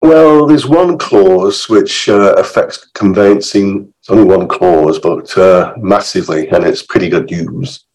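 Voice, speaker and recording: A man with a very low, croaky voice, sounding hoarse from illness. He explains things informally as a guest expert on a podcast. His delivery is chatty, with wry asides. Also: a little slow, few pauses, a little mellow, rough recording.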